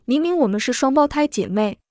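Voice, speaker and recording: A woman's voice: high voice, expressive, a little fast, a little mellow, no echo, clean studio sound. A woman reading the lines of a cruel, jealous young woman in a storybook narration, with a cold, sneering manner.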